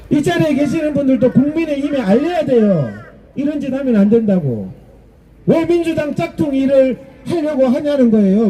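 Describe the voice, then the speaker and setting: Very high-voiced man giving a fiery speech. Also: a little hiss or hum, poor audio. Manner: combative, rhetorical, rising to shouts. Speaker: political rally speaker. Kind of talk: impassioned political speech to a gathering. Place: public gathering with a live audience.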